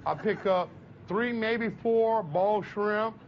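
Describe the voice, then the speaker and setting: A man from Louisiana with a Southern drawl recounts events slowly and in careful order, his voice sitting quite high. He is recorded outdoors, and the sound is dull and lo-fi with faint traffic behind him. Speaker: interviewee. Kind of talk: storytelling in an interview. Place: outdoors by a roadside.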